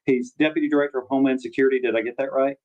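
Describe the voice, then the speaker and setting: A man on parks department staff speaks in a brisk, practical way during a casual interview. His voice comes through with a muffled, lo-fi quality. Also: medium pitch, steady tone, darkish tone.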